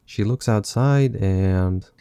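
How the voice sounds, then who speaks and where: A man's voice: lowish voice, slow, background noise. A man recapping a film with sarcastic, mocking asides. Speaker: film reviewer. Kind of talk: sarcastic movie recap commentary.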